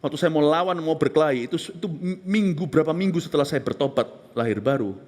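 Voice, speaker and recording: A male pastor delivering a fiery sermon in a somewhat high voice. He rises into emphatic, loud exclamations and then drops to hushed near-whispers. His delivery is intense and dramatic. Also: fast. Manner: passionate preaching with sudden drops to hushed whispers.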